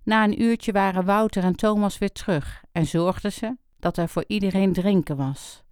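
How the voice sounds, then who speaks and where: A woman narrating a story in a calm, scripted storytelling manner, with small shifts of voice for the characters' lines. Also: medium pitch, moderate pace, clear, resonant tone, no echo, studio quality. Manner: calm storytelling, quotes characters with light voice changes. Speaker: audiobook narrator.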